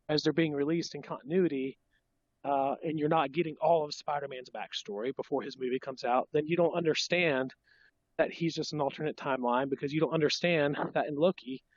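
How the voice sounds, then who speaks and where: A man chatting casually as a podcast host about films, halting and restarting, with a congested smoker's rasp from being under the weather. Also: fairly high pitch, no echo. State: sick, coughing under-the-weather voice. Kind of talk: casual film fan chat. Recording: dull lo-fi, dry sound.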